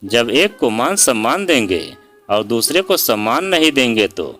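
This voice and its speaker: A proud young daughter-in-law who is done staying quiet, as a male storyteller puts her on. She speaks slowly, with a voice that rises and falls a lot. Soft sitar plays behind her. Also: medium pitch, sing-song, faint music behind. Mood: bitter. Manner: sarcastic and pleading by turns. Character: hurt, outspoken young Indian daughter-in-law.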